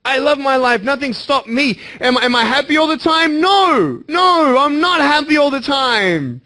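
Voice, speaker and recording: A young man giving an emphatic motivational speech to students, swinging between bold declarations and hushed, earnest appeals. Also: extremely high pitch, animated, moderate pace. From Australia. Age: young adult. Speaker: motivational speaker.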